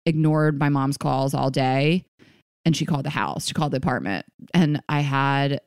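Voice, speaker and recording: A woman in her thirties with a low, deep speaking voice tells stories in casual chat and jumps into the voices of the people in them. The sound is dry and close, with no room around her. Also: normal speed, clean tone, no room sound. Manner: animated storyteller, acts out quoted voices. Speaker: podcast host.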